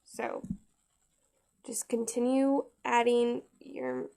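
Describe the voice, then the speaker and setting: Slow, chatty higher-voiced woman. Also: big pitch swings, dark tone. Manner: chatty and halting, with many restarts and "like". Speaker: crafting tutorial host. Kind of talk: casual step-by-step craft tutorial.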